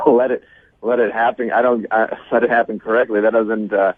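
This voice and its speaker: A man's voice: medium pitch, huge pitch swings, normal speed, breathy edge, dry recording. Nervous man on a tinny phone line. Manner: nervous, hesitant, chuckling. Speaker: prank call target.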